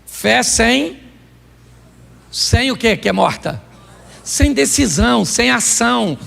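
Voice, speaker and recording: A man preaching a humorous sermon as a pastor, animated, firing rhetorical questions at the congregation and slipping in comic asides. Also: extremely high pitch, slow, vocal fry.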